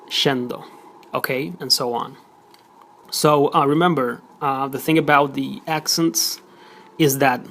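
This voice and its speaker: Creaky-voiced male teacher explaining. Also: mid-range voice, a bit bright, a little hiss or hum. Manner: explanatory, many fillers and check-ins like "okay?". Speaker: Spanish teacher. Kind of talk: recorded audio lesson.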